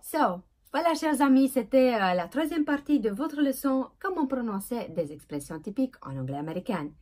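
Woman, English teacher on a lesson video, slightly high and husky, animated delivery, keeps checking in with the viewer. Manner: switches between French explanation and English examples, frequent "ok?" and "voilà"; slow, drawn-out model pronunciations. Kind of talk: language lesson.

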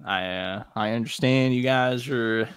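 A man's voice: medium pitch, a little slow, clear, resonant tone, dry recording, clean studio sound, lightly acted. A man playing a bumbling cowboy outlaw in a wheelchair in an improvised comedy sketch, flustered and laughing. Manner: flustered, laughing, yelling when pestered. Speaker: comedy podcast performer.

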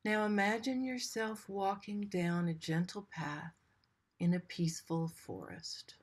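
A woman guides a meditation gently and soothingly, with long pauses between short phrases. Her voice is mid-range with a steady tone.

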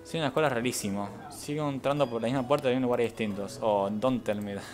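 A man's voice: mid-range voice, quick pace, over music. A young man, streaming a game, reading the game's text aloud and reacting with casual, sarcastic, swearing asides.

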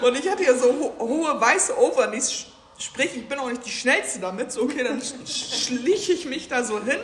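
A woman speaking as a guest at a public talk, telling an animated, slangy anecdote and acting out the dialogue. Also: high voice, moderate pace, slight background noise. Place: museum event space. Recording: roomy hall sound.

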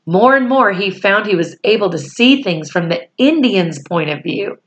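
In a small room at home, a woman in her forties reads a storybook aloud to children. Her medium-pitched voice is expressive, and she goes phrase by phrase with deliberate pauses, adding explanatory asides along the way.

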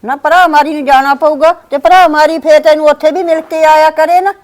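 A grumbling, quarrelsome old village mother, played by a woman in a homemade family drama. Her voice is high and her words come fast and steady. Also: natural voice. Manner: complaining, grumbling.

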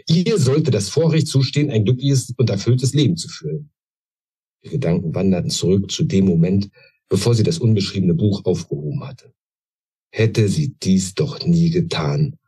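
A man, an author, reading aloud from his own novel in a measured, deliberate way, then talking about his characters. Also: low voice, dark tone, breathy edge.

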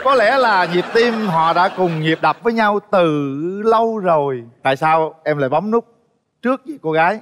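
A man's voice: sits high, expressive, normal speed, fairly bright tone, slight background noise. Playful man hosting a dating show. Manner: coaxing, playful. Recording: TV studio with music.

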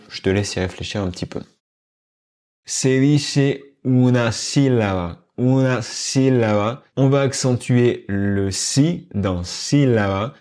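A man teaching an online Spanish lesson, explaining patiently and repeating each word slowly. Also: fairly low pitch, a little mellow.

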